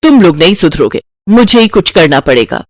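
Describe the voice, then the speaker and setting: A woman voicing a stingy, scheming older mother-in-law in a cartoon, bossy and scolding, in a low voice. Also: sing-song, brisk, no echo, studio quality. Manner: penny-pinching, scolding, bossy. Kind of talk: cartoon voice acting.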